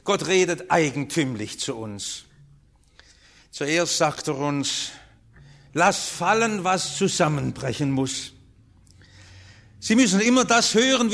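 A man delivers a sermon in a high, unhurried voice. He speaks earnestly and swings between hushed, low passages and loud, rising ones. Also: animated. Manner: earnest, with strong rises and falls in pitch and loudness. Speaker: preacher.

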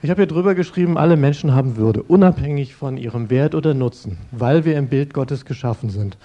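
A middle-aged man preaching in an earnest, conversational way, turning to his listeners directly. His voice is mellow and warm. The recording sounds a little dull and lo-fi. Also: medium pitch, fairly quick. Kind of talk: sermon-style talk.

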